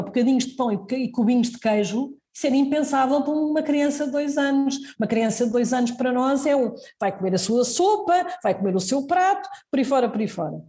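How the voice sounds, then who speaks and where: A woman's voice: on the high side, dark tone. A woman doctor with a European Portuguese accent giving earnest advice in an interview, often restarting her sentences. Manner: earnest, advising, many restarts. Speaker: doctor guest. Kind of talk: casual interview answers.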